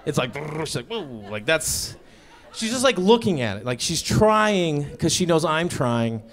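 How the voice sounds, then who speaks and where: A man doing a stand-up comedy set on stage, telling a story with lively delivery and acting out the voices of the people in it. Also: fairly high pitch, unhurried. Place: comedy club stage before a live audience.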